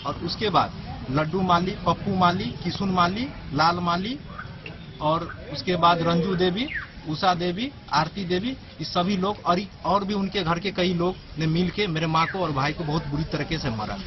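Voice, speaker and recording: A man's voice: sits high, moderate pace. A young man giving an earnest, detailed account in a street interview. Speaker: interviewee, victim's son. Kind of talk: on-the-spot interview. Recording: lo-fi outdoor recording with loud traffic noise.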